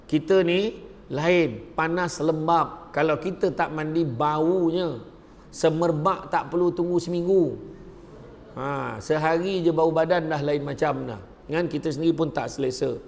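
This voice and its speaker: A man's voice: on the high side, darkish tone, in a large hall. A man with a Malaysian Malay accent giving a humorous religious lecture in a mosque, switching between storytelling, acted voices and chanted recitation. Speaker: preacher. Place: mosque hall.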